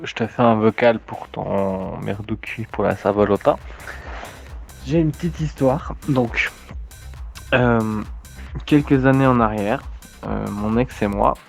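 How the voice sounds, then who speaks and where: A man's voice: on the low side, gravelly, a little mellow. A man recording a casual voice message, retelling a story and acting out the dialogue. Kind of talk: voice message anecdote.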